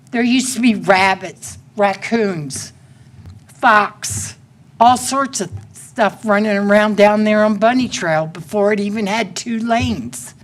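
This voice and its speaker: A woman in her sixties with a Central Texas accent, pleading plainly during public comment at a city council meeting, speaking into a podium microphone. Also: mid-range voice. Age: 60s.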